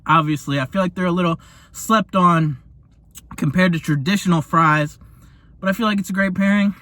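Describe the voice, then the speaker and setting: A young man with a high-pitched voice tastes fast food on camera. He gushes in casual slang and sometimes talks with his mouth full. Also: dry recording. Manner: excitable, slangy, gushing; talks while eating. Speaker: food reviewer. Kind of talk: casual taste-test vlog.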